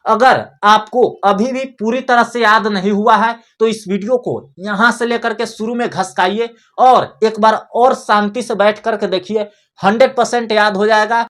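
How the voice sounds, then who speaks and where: A man's voice: high voice, fairly bright tone. A man teaching an exam-prep lesson in a chatty, coaxing way, repeating each memory trick several times.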